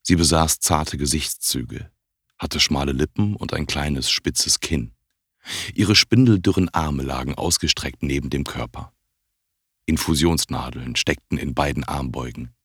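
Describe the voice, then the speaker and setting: A man narrates a first-person audiobook in a calm, measured way. His voice sits extremely low and sounds heavily raspy. The recording is close and completely dry, with no room sound. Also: no room sound.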